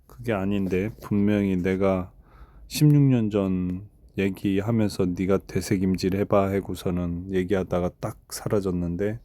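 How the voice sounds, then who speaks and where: A man's voice: deep voice, steady tone, unhurried, dark tone. A man in his fifties talking casually and bluntly to an AI assistant, scolding it for mistakes. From South Korea. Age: 50s. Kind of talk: casual spoken chat.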